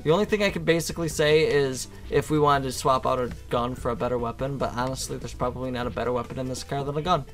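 A man chatting casually while playing a co-op game, laid-back and getting excitable in fights. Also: mid-range voice, fast, few pauses. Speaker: gamer. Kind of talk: co-op gaming commentary. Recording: faint game music behind.

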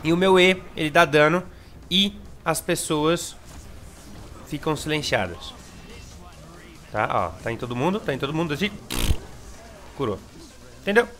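A young Brazilian man with a Brazilian Portuguese accent commenting on his gameplay casually, excitable and repeating words, with sudden shouts. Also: a little high, measured pace, long pauses. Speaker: gameplay streamer.

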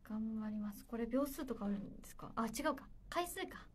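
A woman's voice: fairly high pitch, brisk, a little hiss or hum. A young woman hosting a casual livestream, chatty and a little nervous, giggling as she reads viewer comments. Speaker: idol livestream host.

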